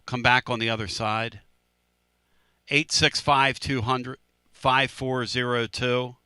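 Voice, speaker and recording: A man's voice: mid-range voice, little pitch movement, slow, pushed and bright, clear, resonant tone, no echo. A man hosting a sports talk radio show, telling a story in a casual, emphatic way and repeating phrases.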